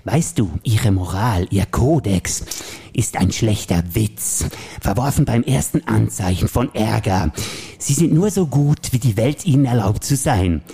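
A man's voice: lowish voice, gravelly, warm tone, breathy edge, full character voice. A man voicing the Joker, a manic scheming clown villain who taunts in a sing-song way.

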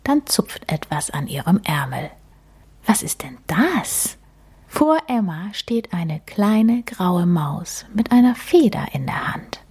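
A woman reads a children's storybook aloud, gentle and expressive. Her voice is breathy and half-whispered, and she takes her time. Her pitch rises and falls vividly as she tells it. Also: slow.

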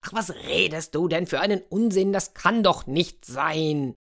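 A woman's voice: fairly low pitch, a little slow, creaky. A woman voicing a proud ruler who blusters and scoffs. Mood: indignant. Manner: blustering, indignant. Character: proud ruler of the land, adult man.

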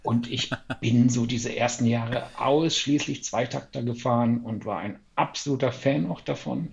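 A man's voice: mid-range voice, normal speed, vocal fry. A man in his sixties, a podcast guest and coach, telling stories about himself in a chatty, self-deprecating way with small chuckles. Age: 60s. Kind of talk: casual podcast interview. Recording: dull lo-fi sound.

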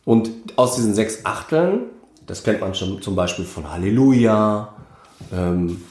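Low-voiced man counting beats in an echoey room. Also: lively intonation, measured pace, darkish tone. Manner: explains by counting beats aloud. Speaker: musician explaining music theory. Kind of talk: casual podcast conversation. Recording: roomy echo.

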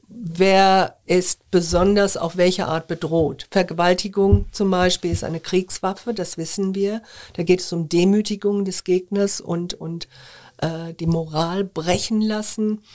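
An older woman speaks as an interview guest, weighing her words with many small hesitations. Her voice sits a little low for a woman, and her delivery stays calm and considered. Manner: measured and thoughtful, with frequent hesitation fillers. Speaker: interview guest, former journalist. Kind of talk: reflective interview answers.

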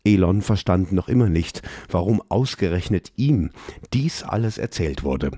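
A man narrating a fantasy audio story in a measured, dramatic storytelling manner, recorded close to a studio mic. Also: sits low, animated, warm tone, slightly rough, no room sound.

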